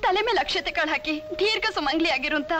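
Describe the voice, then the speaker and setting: A woman's voice: extremely high pitch, fast. An actress playing a grieving daughter who pleads with her father in a reproachful, tearful voice. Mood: pleading. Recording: film soundtrack with music under. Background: film score music.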